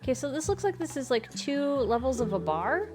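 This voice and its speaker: A woman's voice: sits high, very animated, brisk, a little mellow, soft background music. A woman streaming a game live, chatting in a giggly, apologetic way.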